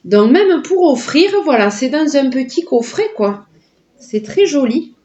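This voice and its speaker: Unhurried woman vlogger, chatty, slightly high voice, muffled lo-fi sound. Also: very animated, a little mellow. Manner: chatty and delighted, full of filler words. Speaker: vlogger unboxing a product. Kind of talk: casual sponsored unboxing chat.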